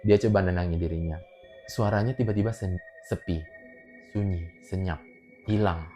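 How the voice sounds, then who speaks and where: A man telling a horror story in a casual spoken way, dramatic, sinking to hushed murmurs and then breaking into loud exclamations. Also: low-pitched, moderate pace, faint music behind.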